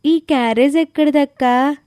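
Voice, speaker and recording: A woman plays an eager, hungry little girl, a younger sister with a childlike manner. She pitches her voice high, above her natural range yet near an everyday sound, at normal speed with a darkish tone, on a dry studio-quality recording.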